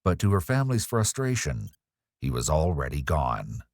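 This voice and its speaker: A man reading a scripted true-crime narration in a measured, ominous way. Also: rumbling low, very animated, a little mellow, no echo, studio quality, faint music behind. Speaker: documentary narrator.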